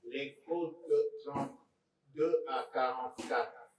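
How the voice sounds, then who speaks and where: A man, reading out court exhibits as a lawyer, slow and deliberate with pointed remarks. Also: mid-range voice. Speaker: court lawyer presenting evidence. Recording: echoey courtroom from far off.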